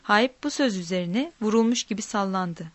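A woman's voice: mid-range voice, animated, moderate pace, no room sound. Dry, close woman narrator. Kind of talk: storybook reading.

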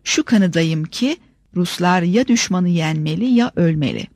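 A woman's voice: lowish voice, expressive, measured pace, vocal fry, a little mellow, dry recording, exaggerated voice. A woman reading an audiobook, voicing an eager young male officer who speaks in an earnest, flustered way. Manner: flustered, overheated delivery.

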